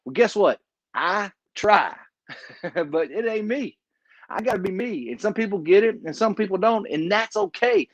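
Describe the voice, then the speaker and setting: A man's voice: sits high, animated, unhurried, no room sound. Folksy Texan man coaching, emphatic. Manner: folksy, emphatic, repeats key phrases. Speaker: business coach. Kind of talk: motivational webinar talk. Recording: dull, dry sound.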